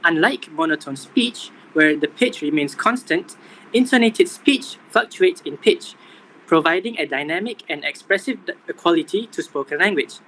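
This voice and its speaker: A young man reading out a scripted class presentation in a steady manner. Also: fairly high pitch, normal speed, a little hiss or hum, rough recording. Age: young adult. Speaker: student presenter.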